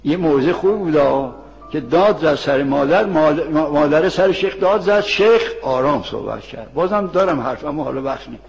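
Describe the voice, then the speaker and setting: A man's voice: on the high side, vocal fry. A man, a cleric, giving a plain-spoken moral sermon to seminary students, telling anecdotes and posing questions he then answers himself. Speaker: cleric preacher. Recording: lo-fi archival recording with long reverb and faint music.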